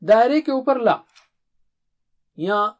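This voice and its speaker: A man, a Quran recitation teacher, gives a short recorded tajweed lesson in a clear, measured teaching voice. He slows into melodic recitation for his examples. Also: very high-pitched, lively intonation.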